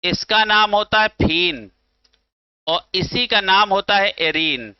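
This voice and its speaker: A man with a north Indian accent lectures on chemistry in a high, smooth, resonant voice. He speaks slowly and quizzes his students, then answers his own questions. The recording is dry and a little dull. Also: no room sound. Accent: Hindi from north India. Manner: asks students questions and answers them himself; calls students beta and bhaiya. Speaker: chemistry teacher. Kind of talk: classroom lecture. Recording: slightly dull, dry sound.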